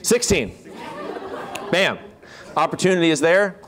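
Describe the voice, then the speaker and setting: A man's voice: fairly high pitch, very animated, normal speed, fairly bright tone, some chatter behind. A man giving a keynote lecture on a hall stage, chatty and jokey, with many fillers and restarts. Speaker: keynote speaker, instructor.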